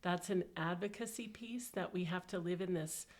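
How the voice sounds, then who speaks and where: A woman's voice: on the low side, normal speed. A woman, an occupational therapist co-hosting a podcast, talking in long, reflective, winding sentences. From United States. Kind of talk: casual podcast discussion.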